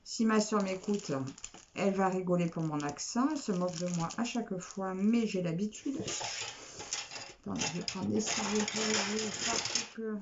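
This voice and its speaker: A woman vlogger chatting casually as she unboxes craft kits, repeating words and filling pauses with little asides. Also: medium pitch. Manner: chatty, repeats words, many "alors" fillers. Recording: dull lo-fi recording with faint noise.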